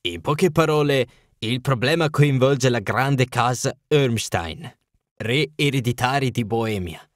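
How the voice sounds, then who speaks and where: A towering foreign king in a storybook reading, proud and agitated, his words formal and urgent, as an audiobook narrator puts him on. The voice sits slightly above a man's middle pitch and sounds dry and close. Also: takes it slowly, no room sound, lightly acted. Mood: guarded.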